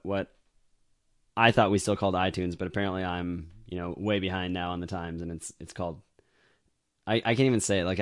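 Deep-voiced man in casual podcast chat. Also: clear, resonant tone, dry recording, clean studio sound. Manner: rambling, laughs easily, many fillers. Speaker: podcast co-host.

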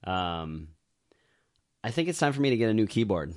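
A man's voice: on the low side, big pitch swings, normal speed, dry recording, clean studio sound. A man co-hosting a podcast in casual chat, rambling with lots of fillers and easy laughs. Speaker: podcast co-host.

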